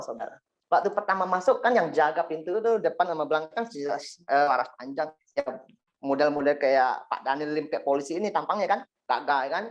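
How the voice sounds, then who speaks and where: A man giving a spoken testimony to a congregation, telling his story in a rambling way with frequent asides to the listeners. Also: a little high. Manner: rambling storytelling, frequent 'ya kan' and 'singkat cerita' asides. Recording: dull lo-fi recording.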